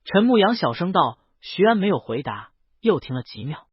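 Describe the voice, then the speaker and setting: At a moderate pace, a male audiobook narrator tells a scripted story, his somewhat high voice husky and animated in its intonation; the sound is close-miked, dry and a bit muffled.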